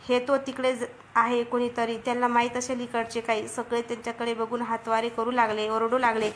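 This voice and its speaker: A woman narrating a story as a storyteller in a steady, measured reading voice. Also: a little high, a little hiss or hum.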